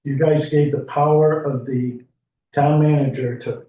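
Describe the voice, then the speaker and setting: A man's voice: a little high, fairly even intonation, a little slow, dark tone. Man, council chair, informal, echoey distant hall mic.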